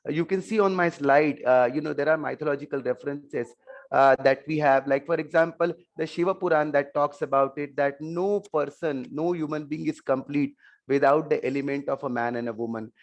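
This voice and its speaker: Halting Indian-accented man explaining as panelist. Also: on the high side, steady tone, highs cut off. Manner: halting, phrase-by-phrase delivery. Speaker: panel guest, community expert. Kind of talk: explanatory panel talk with slides.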